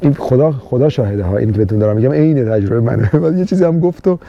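A man's voice: mid-range voice, lively intonation, vocal fry, dull audio. A man from Iran, living in Austria, giving immigration advice in a casual, rambling monologue full of hesitant fillers. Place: lives in Austria.

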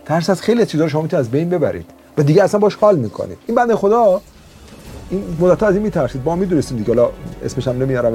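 A man giving a motivational talk as a self-help teacher, telling stories with emphatic, drawn-out stresses and quick bursts. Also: mid-range voice, dark tone. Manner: storytelling, emphatic, shifts between slow stresses and quick bursts.

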